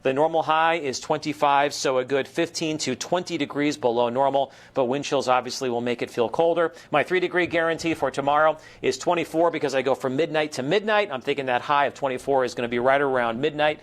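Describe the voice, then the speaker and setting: An American man presenting a TV weather forecast in an explanatory, ad-libbed broadcast style with measured emphasis. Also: medium pitch.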